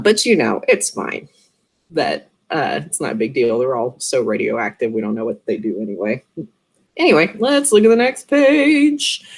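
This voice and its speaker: A high school chemistry teacher giving a recorded video lesson in a casual, offhand way, dropping joking asides.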